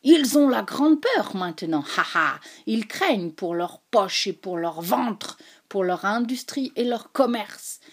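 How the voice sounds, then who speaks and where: A woman's voice: mid-range voice, animated, a little slow, few pauses, slightly rough. A woman reading aloud, voicing an enraged young man who jeers and laughs as he rants. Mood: mocking. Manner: jeering, mixes anger and laughter.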